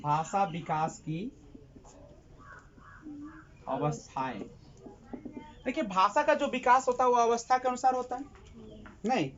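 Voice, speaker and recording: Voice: medium pitch, slow, pauses often, lo-fi sound. A teacher giving a classroom lecture who asks the class questions, answers them himself and repeats key terms.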